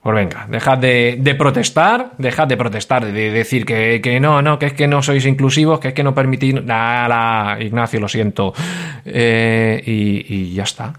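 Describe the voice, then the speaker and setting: A man's voice: medium pitch, steady tone, normal speed, fairly bright tone. A man from Spain with a Spain Spanish accent, hosting a solo podcast in an exasperated, swearing rant. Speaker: podcast host.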